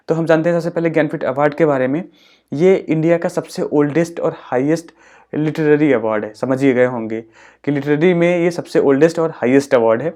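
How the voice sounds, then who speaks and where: A young man hosting an exam-preparation lesson, explaining points slowly, repeating them and mixing English terms into his Hindi. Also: a little high, mellow. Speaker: exam-prep teacher and channel host. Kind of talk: educational explainer.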